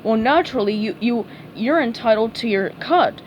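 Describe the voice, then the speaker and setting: A woman voicing a smooth-talking male sports agent in a storybook reading, slow and persuasive. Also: fairly high pitch, lively intonation, lo-fi sound, slight background noise, lightly acted. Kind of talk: storybook read-aloud.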